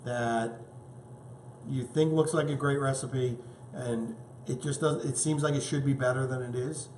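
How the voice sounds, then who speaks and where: Male cooking host, chatty and eager, average pitch, roomy kitchen sound. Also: steady tone, a little slow, darkish tone, slight background noise. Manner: enthusiastic, chatty, tasting food as he talks. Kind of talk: casual cooking show.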